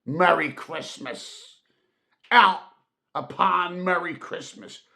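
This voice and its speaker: Man acting grumpy old miser, forceful and bright. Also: high voice, voice pushed up, full character voice. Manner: gruff, indignant, emphatic.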